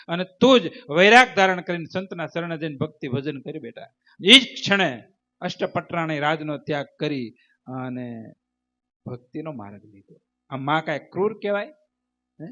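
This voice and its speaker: High-voiced preacher. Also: male voice, fairly bright tone. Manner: emphatic, repetitive, rhythmic preaching. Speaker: spiritual teacher. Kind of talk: devotional sermon with storytelling. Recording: dull lo-fi recording.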